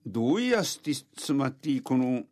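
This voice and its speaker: A man's voice: medium pitch, big pitch swings, normal speed, a little mellow, no room sound, lightly acted. A man voicing a sly, greedy trickster fox in an oral folktale, muttering and coaxing in a thick rural Tohoku Japanese dialect. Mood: worried. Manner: scheming, self-indulgent muttering and coaxing.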